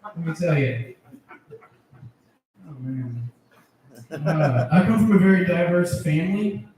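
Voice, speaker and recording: A man's voice: a little high, takes it slowly, darkish tone, a little hiss or hum. A man doing a crude, profanity-heavy stand-up set on a club stage, chuckling at his own jokes. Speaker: stand-up comedian. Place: comedy club stage with audience. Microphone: handheld stage mic. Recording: echoey room, mic picked up from a distance.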